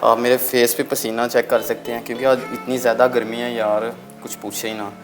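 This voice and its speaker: A bird-keeping vlogger chats casually with his viewers at home among bird cages, tending his pet birds and talking to them to coax them along. His medium-pitched voice is a little fast with little pitch movement, and music plays in the background.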